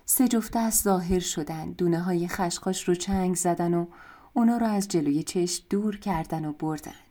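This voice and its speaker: Female audiobook narrator for folk tales: calm, mellow, lowish voice, steady storytelling. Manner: calm, even storytelling, sometimes hushed. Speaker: audiobook reader.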